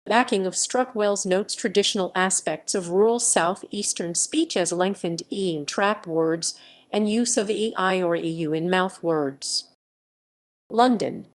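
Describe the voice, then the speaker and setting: A text-to-speech woman's voice at an ordinary middle pitch reads an encyclopedia entry. Her delivery is even and literal, and she spells out phonetic symbols one letter at a time. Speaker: article reader. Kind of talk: automated encyclopedia reading.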